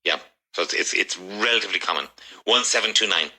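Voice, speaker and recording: A man from Ireland running an English class, drilling students and correcting them in a brisk, encouraging way. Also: sits low, bright, forceful tone, low-quality recording. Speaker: English teacher.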